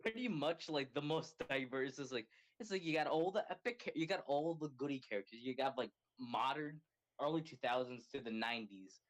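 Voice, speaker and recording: Rambling, excitable man in dry close sound. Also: medium pitch, fairly quick, dry recording. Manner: rambling, excitable, filler-heavy with constant "like". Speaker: podcast co-host. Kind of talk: casual chat.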